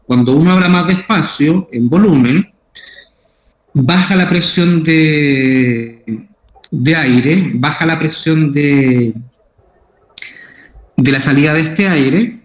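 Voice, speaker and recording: A man's voice: fairly high pitch, slow, pauses often. A man with a Chilean Spanish accent giving a methodical, explanatory lecture on voice care, repeating his key terms. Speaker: voice care workshop instructor. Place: school room. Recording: echoey room.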